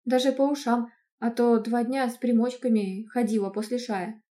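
A woman reading an audiobook, voicing a chatty, cheeky young cat-shifter girl who gushes fast and excitedly. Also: on the high side, close to an everyday voice. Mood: pleading.

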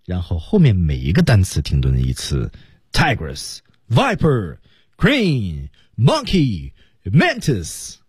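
A man's voice: a bass voice, huge pitch swings, fairly quick, hardly any pauses, dark tone, husky, no echo, studio quality. A man teaching English on the radio, explaining pronunciation step by step.

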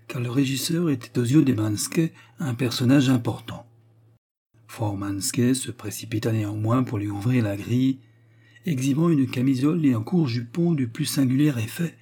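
A man narrating an audiobook in a measured, deliberate reading. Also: mid-range voice, mellow, slightly rough. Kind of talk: scripted narration.

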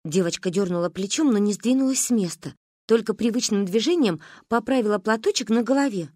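Woman reading a lively storybook. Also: mid-range voice, brisk, dry recording, clean studio sound. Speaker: audiobook reader. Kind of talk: storybook narration.

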